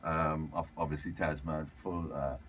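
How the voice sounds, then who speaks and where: A man's voice: a bass voice, level tone, moderate pace, a bit bright, lo-fi sound, slight background noise. A male radio host, chatty and laughing along with his guest in a casual interview. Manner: chatty, laughs along, uses local slang.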